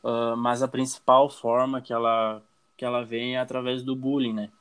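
Brazilian man, hesitant and halting. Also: mid-range voice, little pitch movement, a bit bright, smooth. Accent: Brazilian Portuguese. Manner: hesitant, many fillers and restarts. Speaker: guest. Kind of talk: casual interview answers.

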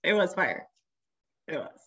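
A woman's voice: lowish voice, lively intonation, unhurried, fairly bright tone, breathy edge, lo-fi sound. A woman speaking as a podcast guest in casual, informal chat, often saying "like". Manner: informal, peppered with "like".

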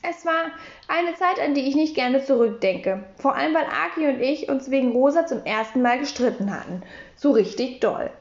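A woman narrating a children's audiobook in an expressive, lively storytelling manner. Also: high-pitched, normal speed, reverberant, highs cut off. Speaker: audiobook reader.

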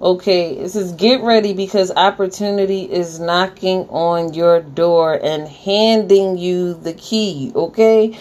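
A woman's voice: on the low side, fairly even intonation, measured pace, hardly any pauses, a little mellow. A woman giving a casual spiritual reading like a life coach, encouraging and directive, with sassy informal phrasing and repetition for emphasis. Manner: informal, sassy slang with check-in tags. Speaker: spiritual card reader giving guidance to viewers. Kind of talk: casual intuitive reading, life-coach style motivational advice.

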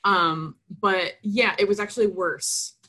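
Animated woman in casual podcast chat. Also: mid-range voice, unhurried. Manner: animated, swearing, emphatic repeats. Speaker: podcast co-host.

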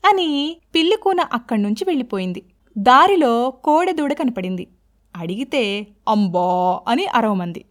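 A woman host telling a children's story in a lively, expressive singsong way. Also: sits high, normal speed, long pauses.

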